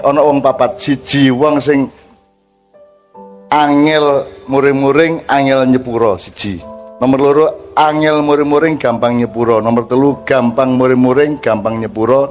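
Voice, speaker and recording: A man's voice: medium pitch, darkish tone. Older east javanese guy preaching to a crowd, chatty and joking, faint music behind. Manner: joking, conversational, mixes languages, asks the crowd questions. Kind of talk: folksy religious talk to a crowd.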